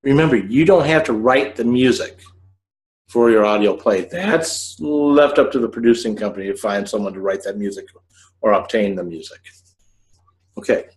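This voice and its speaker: A man in his forties hosts a scriptwriting video podcast from the couch in his living room. In a lowish voice, he explains things informally to the camera in halting, measured phrases.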